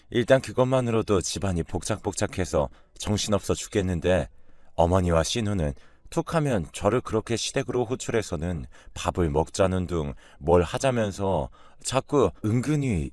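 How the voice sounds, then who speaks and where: A man's voice: on the low side, no echo. A man narrating a first-person family story in a complaining, resentful tone.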